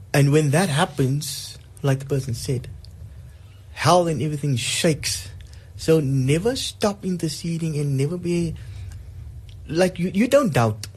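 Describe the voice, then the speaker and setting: A man's voice: fairly high pitch, darkish tone, slightly rough. A man with a South African accent giving casual devotional talk, earnest and emphatic, repeating words to drive his point home.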